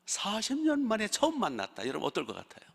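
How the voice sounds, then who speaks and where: Gravelly man preaching in a reverberant hall. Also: high-pitched, fast talker. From Chungcheong region, South Korea. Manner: lively storytelling with rhetorical questions to the congregation. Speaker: pastor. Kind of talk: sermon. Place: church sanctuary.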